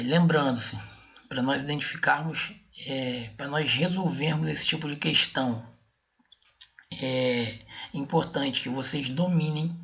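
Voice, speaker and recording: A man's voice: mid-range voice, creaky, fairly bright tone, dull audio. A Brazilian man giving an online Portuguese exam-prep lesson, explaining step by step and checking in often with his students. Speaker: Portuguese teacher.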